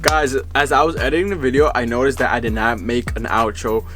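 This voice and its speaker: A young man excitedly talking through his car build in a casual vlog, rambling and swearing often. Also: medium pitch, fairly quick, soft background music. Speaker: car vlogger.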